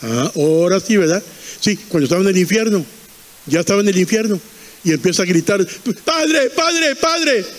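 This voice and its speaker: A man's voice: high voice, quick pace, in a large hall. A man preaching a fervent sermon in a church, repeating lines and quizzing the congregation.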